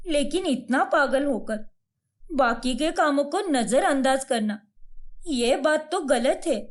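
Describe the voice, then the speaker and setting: A woman voicing a bubbly, childish young bride in a cartoon story. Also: high-pitched. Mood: apologetic. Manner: pleading, sweet. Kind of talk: cartoon voice acting.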